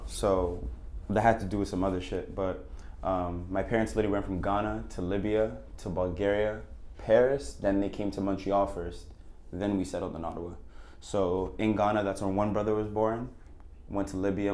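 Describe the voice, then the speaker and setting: A young man raised in Canada, answering interview questions in a relaxed, emphatic way and often repeating his key phrases. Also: on the low side. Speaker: guest rapper. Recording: roomy echo, faint background noise.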